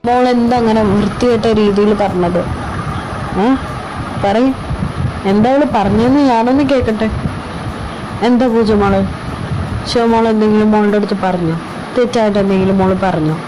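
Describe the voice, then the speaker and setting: A woman's voice: mid-range voice, normal speed, long pauses, lightly acted. A woman voicing a stern middle-aged father who questions and gives orders in a fan audio drama. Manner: commanding, questioning. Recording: clear background noise.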